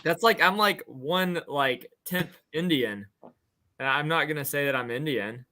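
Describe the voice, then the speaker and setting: A man's voice: on the high side, unhurried, sharp tone. A man joining a casual team meeting, playful and teasing. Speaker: team member.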